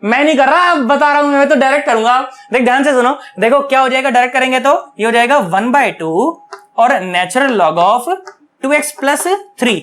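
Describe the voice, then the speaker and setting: A man's voice: very high-pitched, normal speed, a bit bright. Chatty, coaxing male physics teacher. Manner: chatty and coaxing, with constant check-ins; affectionate and earnest toward students. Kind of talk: online video lecture.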